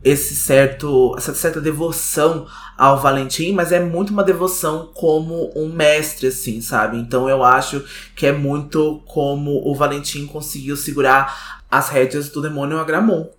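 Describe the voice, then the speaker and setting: A man co-hosting a podcast, relaxed as he recaps book chapters and fills his talk with tag questions. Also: fairly high pitch, moderate pace. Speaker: podcast co-host discussing a book. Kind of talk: casual book discussion. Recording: roomy echo.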